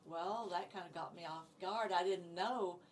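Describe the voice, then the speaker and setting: A chatty woman in her seventies from Indiana tells her story in a cheerful, upbeat way. Her voice sits somewhat low and carries the faint distance of being off-mic. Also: normal speed, a little hiss or hum. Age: 70s. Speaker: interview guest, community group founder. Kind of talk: casual interview chat. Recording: voice picked up from a distance.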